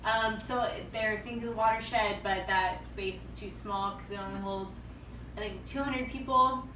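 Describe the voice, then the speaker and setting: A woman's voice: medium pitch, steady tone, normal speed, recorded from a distance. A woman in her late twenties co-hosting a podcast, joking and swearing in casual chat. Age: late 20s. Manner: profane, joking. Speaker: podcast co-host. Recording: roomy, off-mic, faint background noise.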